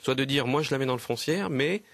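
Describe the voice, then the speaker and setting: A man from Lower Normandy, a guest on a radio interview, explaining earnestly and hesitantly with many fillers and restarts. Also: fairly quick, vocal fry, a bit bright, no room sound. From Lower Normandy, France. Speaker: guest, land trust representative.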